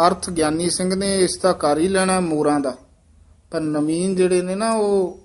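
A man's voice: high voice, fairly even intonation. Patient man teaching scripture recitation. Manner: patient and instructive, repeating words slowly and deliberately. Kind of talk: recitation lesson with corrections.

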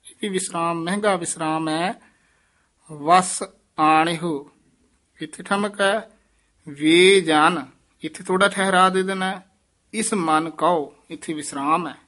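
A man leading a recitation lesson in a high, bright, ringing voice. He draws every verse out very slowly and with care, then drops into plain talk to mark each pause. The pace stays unhurried throughout. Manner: slow, deliberate chanting of verses, then plain spoken pointers on pauses. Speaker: scripture recitation teacher.

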